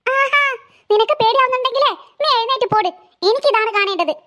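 A cheeky, stubborn little cartoon girl, played by a woman, who teases and talks back in a mocking, sassy tone. Her voice is very high and sharp, and she talks quickly. Faint music runs underneath. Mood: defiant. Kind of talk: cartoon voice acting.

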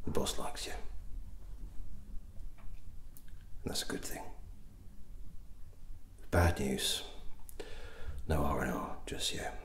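A man in his thirties with a British accent voicing a gruff, caring army captain in a breathy half-whispered ASMR military roleplay, terse, blokey and reassuring. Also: a bass voice, takes it slowly, fairly bright tone, full character voice. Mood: low, matter-of-fact. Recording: roomy echo, faint background noise.

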